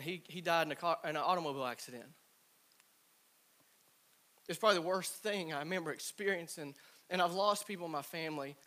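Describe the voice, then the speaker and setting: A man in his thirties, a former college ballplayer, telling stories to a team and acting out what his teammates said. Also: fairly high pitch. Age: 30s. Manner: animated storyteller, acts out quoted teammates. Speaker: former college baseball player speaking to a team. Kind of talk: storytelling talk to players.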